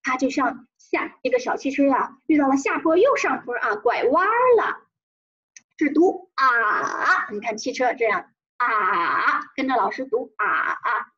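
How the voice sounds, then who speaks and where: A woman's voice: sits high, big pitch swings, fairly bright tone, husky, lo-fi sound. Sing-song woman teaching children. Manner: sing-song, drawn-out tone demonstrations; encouraging, prompts children to repeat. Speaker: primary school teacher. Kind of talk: children's pinyin lesson.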